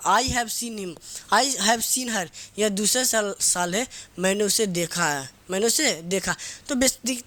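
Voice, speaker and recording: A man's voice: high-pitched, fairly bright tone. A male teacher, giving a casual grammar lesson, often asking a question and answering it himself. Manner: repeats key words, asks and answers own questions; casual, teasing scolding of students.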